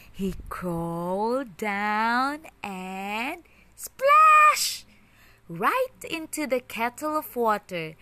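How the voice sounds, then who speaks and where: Slow, lively woman storyteller. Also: mid-range voice. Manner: slow, expressive, sing-song storytelling. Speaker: storyteller and channel host. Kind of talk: children's story narration.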